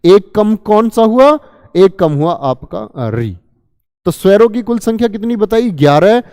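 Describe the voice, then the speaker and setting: A man's voice: high-pitched, big pitch swings, measured pace, dark tone, clean tone, no room sound, clean studio sound, big-room sound. A male teacher giving an exam-prep grammar lesson, asking his students questions and then answering them himself. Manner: calls listeners children. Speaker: Hindi teacher.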